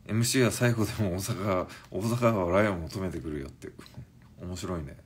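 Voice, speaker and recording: Languid low-voiced man in his forties. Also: breathy edge. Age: 40s. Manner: languid, drowsy-sounding, unhurried. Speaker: Instagram live streamer. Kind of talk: casual live-stream chat reading comments.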